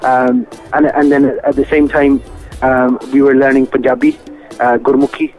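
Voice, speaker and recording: Halting Scottish man in a phone interview. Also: mid-range voice, fairly even intonation, highs cut off, soft background music. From Scotland. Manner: hesitant, halting, thoughtful. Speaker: musician, interview guest. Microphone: phone line.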